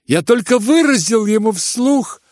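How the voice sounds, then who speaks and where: A defiant, ailing youth keeps up a mocking, needling tone in a novel reading, voiced by a man. He drags out his words, his pitch climbing high and sarcastic. The sound is dry and close. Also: animated, measured pace, darkish tone, no echo.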